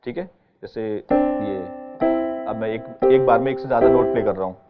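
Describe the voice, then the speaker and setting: A man's voice: medium pitch, normal speed, loud music behind the voice. A man teaching an online keyboard lesson, explaining step by step and often checking that his students follow. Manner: patient, explaining step by step with frequent check-ins. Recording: dull lo-fi sound with keyboard playing behind.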